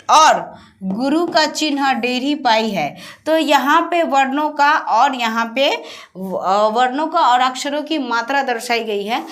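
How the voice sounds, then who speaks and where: A woman with a high, light voice explains grammar rules step by step like a classroom teacher. She keeps repeating key terms and asking the listeners questions that she answers herself. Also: a bit bright. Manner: repetitive, asks and answers own questions. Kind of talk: classroom-style explanation over slides.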